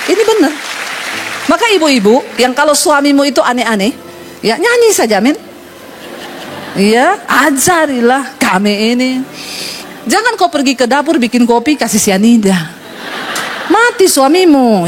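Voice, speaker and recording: A middle-aged woman pastor, preaching a sermon and acting out the voices of people in her stories with jokes for the congregation. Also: high-pitched. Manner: animated storytelling, acting out voices, joking with congregation.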